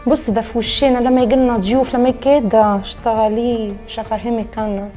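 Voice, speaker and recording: A woman's voice: on the high side, fairly even intonation, quick pace, warm tone, faint music behind. A woman with an Egyptian accent acting a bossy, scheming adviser who scolds her friend. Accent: Egyptian Arabic.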